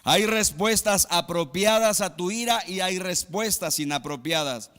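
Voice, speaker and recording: High, bright-voiced preaching man. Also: animated, unhurried, big-room sound, faint music behind. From Mexico. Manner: emphatic preaching, swings between loud exclamations and low asides. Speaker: pastor. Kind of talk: sermon.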